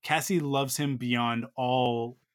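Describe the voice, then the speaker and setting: A man in his thirties rambles through a long personal story in casual conversation, full of fillers and restarts. His voice is medium-pitched and steady, and he speaks slowly.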